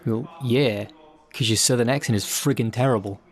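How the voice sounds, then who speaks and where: A man's voice: medium pitch, normal speed, husky, close to an everyday voice. A man voicing a blunt, exasperated colleague who teases a fellow actor, in an audio role-play. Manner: blunt and teasing.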